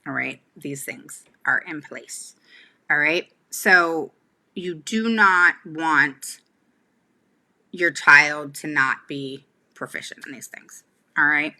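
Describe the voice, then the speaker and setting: With a low, bright and forceful voice, a woman in her forties hosts a relaxed livestream lesson indoors in a small room at home. As a special education advocate she gives advice emphatically and chattily, checking in often with "okay?" and "all right?"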